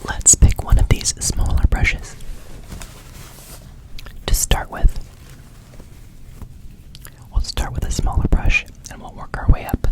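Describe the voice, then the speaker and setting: A man speaks entirely in a whisper, in the style of an ASMR ramble. He is close to the microphone and often repeats a word or phrase, lingering on it before moving on. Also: low-quality recording. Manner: whispers throughout, slowly repeating words and phrases. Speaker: ASMR video creator and host. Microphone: close microphone, brushed as he talks.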